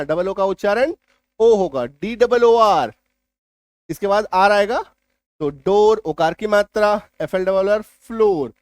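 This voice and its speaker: A man teaches a spelling lesson. He repeats key points and asks his students whether each one is clear. His voice is recorded close and dry, with no room sound. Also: high voice, no echo. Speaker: English teacher.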